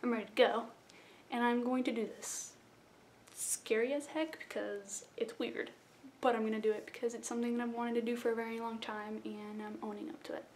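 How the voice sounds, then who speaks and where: A young woman from South Florida vlogs casually to a close-range webcam in her small bedroom, giving a rambling, self-deprecating intro. Her fairly high voice is steady and a little mellow, and she talks a bit fast over slight background noise.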